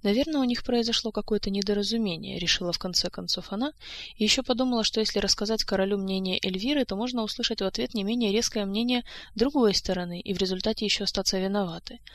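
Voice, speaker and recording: A woman narrating an audiobook in a steady, even storytelling manner. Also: medium pitch, fast talker. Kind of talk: scripted narration. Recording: dry close-mic studio sound.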